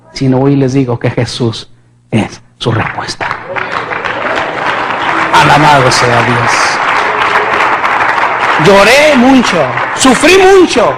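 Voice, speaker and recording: Background noise accompanies a man preaching his testimony with fervor, his slightly high voice dropping to a hush and rising to shouts as he asks the congregation questions.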